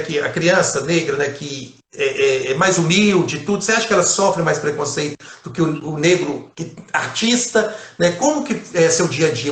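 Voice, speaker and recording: A man's voice: fairly high pitch, a bit bright. Man asking questions in a roomy echo. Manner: rambling questions full of "né". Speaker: interviewer. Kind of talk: live interview questions. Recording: roomy echoey sound.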